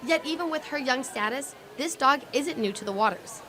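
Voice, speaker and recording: Brief: young woman, student TV reporter, high voice, scripted news read, faint background hum. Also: lively intonation, normal speed, bright, forceful tone.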